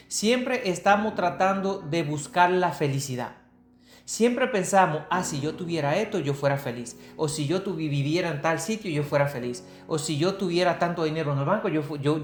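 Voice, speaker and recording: A woman from the Republic, giving an earnest Bible teaching sermon and answering her own rhetorical questions. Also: sits low. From Dominican Republic. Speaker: preacher. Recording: echoey room with soft guitar music. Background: faint guitar music.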